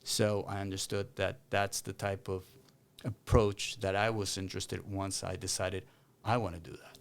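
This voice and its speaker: Low-voiced man from Argentina, halting. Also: level tone, vocal fry. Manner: thoughtful, many fillers and restarts. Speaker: clinical counsellor guest. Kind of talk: interview conversation.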